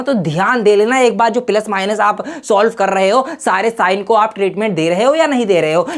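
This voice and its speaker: A woman teacher speaking with some English, giving students emphatic warnings about exam mistakes. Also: on the high side. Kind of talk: exam tips lesson.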